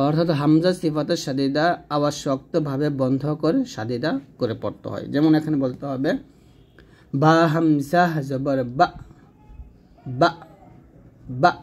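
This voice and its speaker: A man with a Bangladeshi Bengali accent giving a step-by-step tajweed lesson, spelling out letters and drilling each syllable slowly. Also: on the high side, warm tone. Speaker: Quran recitation teacher.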